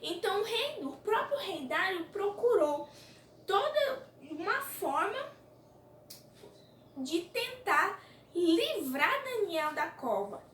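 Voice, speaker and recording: A woman's voice: very high-pitched, fairly bright tone, slight background noise. A woman telling a Bible story expressively, asking her listeners questions, recorded in a roomy space from a distance with faint background sound. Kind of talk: children's Bible story narration. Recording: roomy echo, distant mic, faint ambience.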